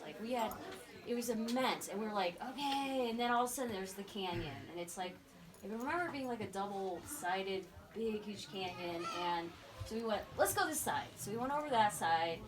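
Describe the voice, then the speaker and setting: A middle-aged woman sharing a personal story at a memorial, animated and acting out the voices of others. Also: on the high side. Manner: animated, acts out quoted voices, laughs often. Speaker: memorial speaker. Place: memorial gathering. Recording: distant mic with crowd around.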